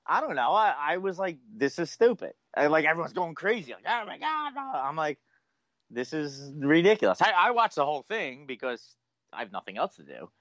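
Podcast cohost guy, super animated pitch, lots of likes and ums, dry muffled lo-fi audio. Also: no echo. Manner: animated, filler-heavy, self-deprecating. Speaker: podcast co-host. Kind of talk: casual chat.

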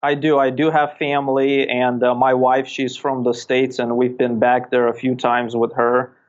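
Podcast guest from Russia, thirties, measured and flat, somewhat muffled audio. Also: male voice, medium pitch. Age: 30s. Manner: measured, hesitant, many fillers. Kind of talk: casual interview chat.

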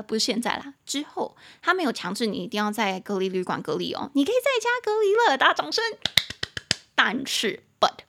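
A young woman hosts an English vocabulary lesson for podcast listeners, her voice sitting a little high. She repeats each key word and spells it out slowly, letter by letter, switching easily between explanation and English terms. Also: a bit bright. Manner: repeats words and mixes Mandarin with English. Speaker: English teacher and podcast host.

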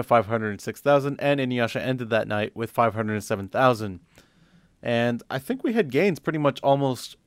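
A man's voice: medium pitch, no room sound. Man reading ratings, dry close mic. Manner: reads figures in a steady list, laughs easily. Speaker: podcast host reading ratings. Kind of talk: casual podcast chat.

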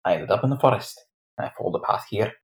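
A man's voice: fairly low pitch, expressive, fast talker. A man playing a tabletop game with casual in-character banter and a dry, sardonic manner.

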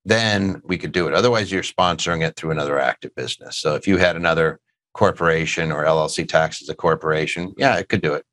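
A man's voice: a bass voice, quick pace, a bit bright. A middle-aged man hosting a casual tax question show, answering listener questions and cracking dad jokes. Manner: joking, rambling, dad-humor asides.

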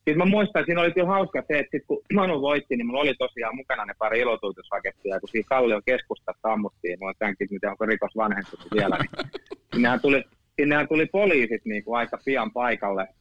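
A man's voice: medium pitch, a bit bright, no room sound. A man in his fifties telling stories as a guest in casual chat, rambling, repeating words and swearing casually. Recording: dull lo-fi sound.

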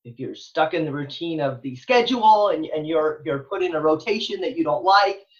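In a muffled recording, a middle-aged Texas woman who works as an elementary school librarian speaks as an interview guest. She has a deep voice with lively intonation at normal speed, and she's enthusiastic, earnest and emphatic, frequently repeating phrases.

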